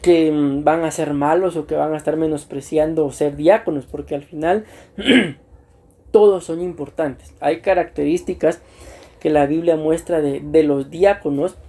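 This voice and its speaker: Mellow pastor teaching deacons. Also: male voice, a little high, steady tone. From Costa Rica. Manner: earnest and unhurried, repeats himself, often clears his throat. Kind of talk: church teaching to new deacons.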